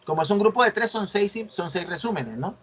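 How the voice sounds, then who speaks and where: A man's voice: sits high, animated, fairly quick, fairly bright tone, slight background noise. A male university teacher explaining a research assignment in an online class, correcting students and often checking whether they follow. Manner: corrective, asks "¿sí ven?" often.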